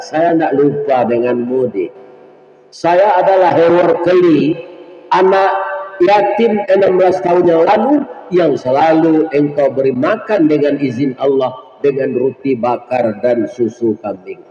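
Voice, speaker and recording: A preacher voicing a gentle, humble male doctor. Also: on the high side, a little slow, close to an everyday voice. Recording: dull echoey hall.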